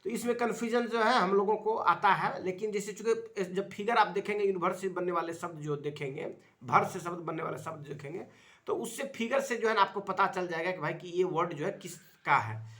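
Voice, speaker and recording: A high-voiced man, slightly bright in tone, helps a child with spelling at home. He's patient and coaxing, says his prompts again and again, and halts often with filler sounds as he explains.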